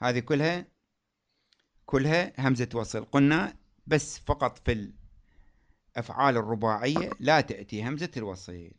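Teaching a grammar lesson, a man poses questions to the class, answers them himself, and stretches example words out slowly. His voice is medium in pitch and a bit bright.

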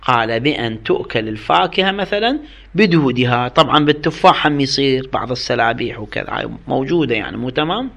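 A man's voice: mid-range voice, lively intonation, fast, vocal fry, a bit bright. A man with an Iraqi Arabic accent teaching a seminary jurisprudence lesson, reading out rules and explaining them with questions to his students. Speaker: religious studies teacher.

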